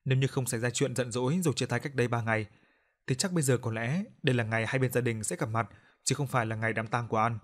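A man reads a horror audio story in a measured, steady way. His voice sits at an ordinary middle pitch for a man, and he carries the scenes with plain, scripted narration.

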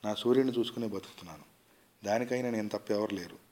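Man doing humble old village father, deferential, low voice, quick pace. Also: warm tone, natural voice. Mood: weary. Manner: deferential, pleading.

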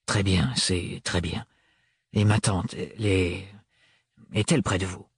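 Stern cold guy, low and hard-edged, narrator putting him on. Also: steady tone, unhurried, gravelly, husky, dry recording, studio quality, exaggerated voice. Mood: hesitant. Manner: hard, distant intonation. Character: stern, gruff man, cold and distant.

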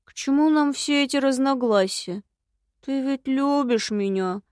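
A woman's voice: high voice, a little mellow, smooth, dry recording, studio quality, pitched above the performer's own voice. A woman voicing a cowardly, sly young husband who drags out his words in a sulky, mocking way. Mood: sulky, snide. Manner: drawn-out, sulky and mocking delivery. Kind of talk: audiobook dialogue.

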